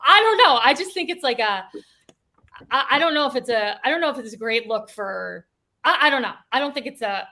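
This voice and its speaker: Woman, podcast co-host, casual chat, rambling, bright tone. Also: on the high side, expressive, a little fast. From United States. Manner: chatty, lots of "like" and "I don't know". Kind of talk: casual local-politics discussion.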